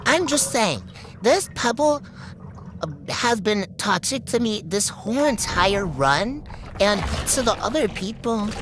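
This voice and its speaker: A woman's voice: fairly high pitch, unhurried. A woman commenting casually on her own gameplay footage, exasperated and rambling, restarting her sentences often. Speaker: gaming video creator. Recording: steady background noise.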